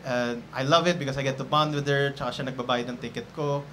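A young Filipino man with a Filipino accent, performing an animated stand-up set, swearing and acting out family members. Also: mid-range voice, fast talker. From Philippines. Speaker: stand-up comedian. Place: comedy club stage. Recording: noisy live room.

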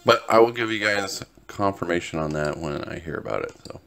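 This gaming host speaks low and brisk, with an expressive, smooth, fairly bright tone, even though he's tired and just woke up. He rambles casually and easygoingly to viewers about the gameplay.

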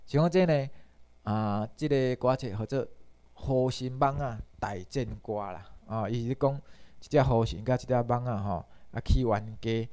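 A man from Taiwan teaching a class, with a mellow, dark voice at a middling pitch. He explains patiently and keeps tagging his points with a drawn-out "hoh". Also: smooth. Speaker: lecturer. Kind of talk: classroom lecture.

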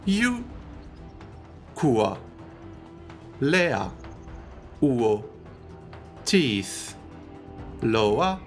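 A man narrating a language tutorial, patiently explaining and slowly repeating pronunciations. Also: mid-range voice, a bit bright. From French-speaking.

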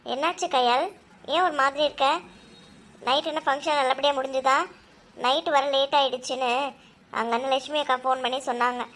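A woman's voice: high-pitched, fairly even intonation, a little fast, long pauses, a bit bright. A woman voicing a patient mother who explains things to her children in a cartoon. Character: patient mother of two kids.

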